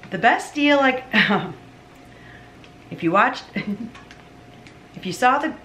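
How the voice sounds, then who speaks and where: Woman, 30s, home-kitchen cooking vlogger, relaxed slow delivery, lots of restarts. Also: mid-range voice, a little hiss or hum. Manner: chatty, self-interrupting, laughs at her own slips. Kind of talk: casual meal prep vlog. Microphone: camera mic at arm's length and on the counter.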